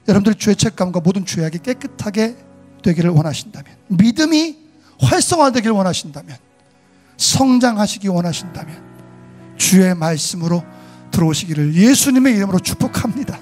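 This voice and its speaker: A man with a high-pitched voice preaches with lively, animated delivery, acting out quotes along the way. Faint music is heard underneath. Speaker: pastor. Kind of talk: sermon.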